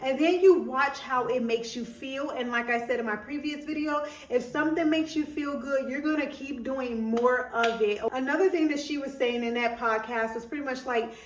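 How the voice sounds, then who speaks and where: A young podcast host talks in a high voice at a moderate pace with few pauses, giving a chatty, emphatic motivational monologue packed with asides. A country twang comes and goes, and the echoey room is recorded from far away.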